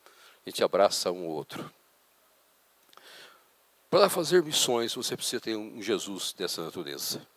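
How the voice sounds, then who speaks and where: A man preaching a sermon with a Brazilian Portuguese accent, a pastor who tells stories dramatically and turns loud and high when acting out scenes. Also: dry recording.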